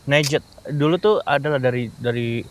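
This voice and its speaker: A man's voice: mid-range voice, normal speed. A man joking casually as a podcast co-host. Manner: joking, playful. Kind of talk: casual chat. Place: outdoor camping-themed urban forest venue.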